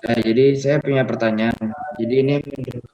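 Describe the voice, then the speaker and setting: A man with a mid-pitched voice comes through a choppy video call that keeps breaking up and cutting out. He talks in a hesitant, halting way and fills the gaps between words with filler sounds. Clear music plays in the background. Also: steady tone, warm tone, muffled recording. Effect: choppy online call audio that keeps breaking up. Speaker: webinar participant asking a question. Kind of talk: casual spoken question.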